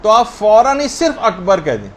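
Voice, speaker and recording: Teaching a religious lesson on the rules of prayer, this man explains each point step by step and slowly spells out correct pronunciations. His voice sits high, swings hugely in pitch, and sounds a bit bright.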